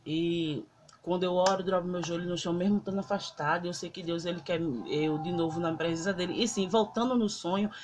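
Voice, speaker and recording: A woman's voice: fairly low pitch, steady tone, a little fast, noisy background. A Brazilian woman recording on her phone, emotionally recounting a dream in rambling casual speech full of fillers. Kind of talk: casual spoken testimony. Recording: loud guitar music behind the voice.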